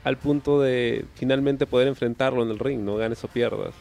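A man interviewing a guest in a relaxed, casual way, often ending remarks with a question tag. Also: mid-range voice, normal speed, creaky, faint music behind.

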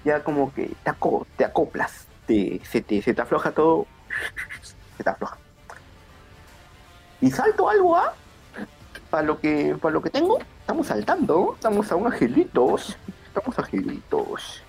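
A young man, a wrestler telling stories in a casual interview, his voice jumping up when excited. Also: moderate pace, gravelly, breathy edge, soft background music. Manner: animated storyteller, voice jumps high when excited. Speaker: pro wrestler guest.

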